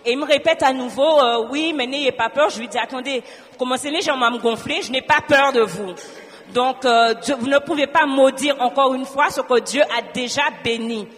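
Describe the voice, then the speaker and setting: A woman's voice: sits high, normal speed, fairly bright tone, big-room sound. A woman from Guadeloupe giving a spoken church testimony, telling her story with animation and acting out both sides of a conversation.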